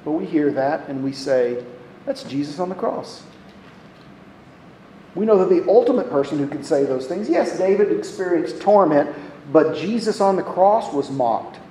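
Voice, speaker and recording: A man preaching a sermon, earnest, slowing down and dropping his voice when he reads scripture aloud. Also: a little high, lively intonation, roomy sound, slight background noise, poor audio. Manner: earnest preaching, slows and drops to a hush when reading scripture. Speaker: pastor.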